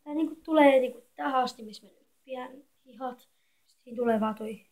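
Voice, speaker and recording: A thirteen-year-old girl with a high voice, talking in a soft, hushed way and rambling on in a casual home vlog. She is filmed on a phone in a bedroom with some echo. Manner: quiet, soft-spoken, rambling and chatty. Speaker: vlogger. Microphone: phone camera.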